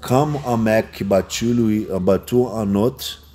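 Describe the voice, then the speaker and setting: A man with a foreign accent in French, talking casually as a coach in an interview, halting and repeating himself, slipping in English words. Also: lowish voice, warm tone. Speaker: MMA coach and seminar instructor.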